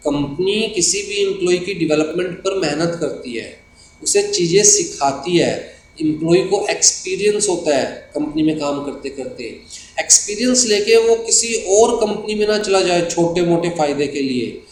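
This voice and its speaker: Male teacher, Indian English accent, patient explainer, slightly high pitch, echoey room with faint hiss. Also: lively intonation. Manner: explains terms patiently, slows down when reading definitions. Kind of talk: recorded exam-prep lecture.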